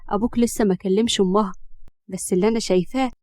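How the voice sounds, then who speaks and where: A woman with an Egyptian accent voicing a kind, teasing middle-aged mother who calms her son. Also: medium pitch, very fast, no echo, close to an everyday voice. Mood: hushed worried. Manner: soothing, teasing.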